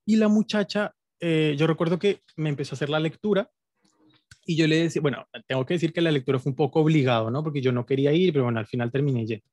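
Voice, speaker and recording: A man's voice: fairly high pitch, rapid-fire, darkish tone, no echo. A man teaching an online workshop in a casual, explanatory way, using many fillers and tag questions. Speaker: guest teacher.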